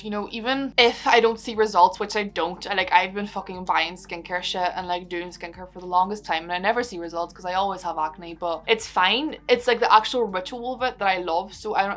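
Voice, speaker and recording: A young Irish woman from Donegal with an Irish accent, answering viewer questions in a relaxed home vlog, bubbly and giggly with the odd swear word. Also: medium pitch, fairly quick, faint music behind. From Ireland. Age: young adult. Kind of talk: casual chatty Q&A vlog.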